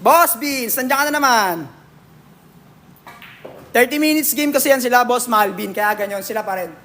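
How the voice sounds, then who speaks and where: A man's voice: very high-pitched, normal speed, pushed and bright. A man with a Filipino accent hosting a casual livestream, reading out viewer comments in a jokey, teasing way and laughing often. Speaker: livestream host at a billiards hall.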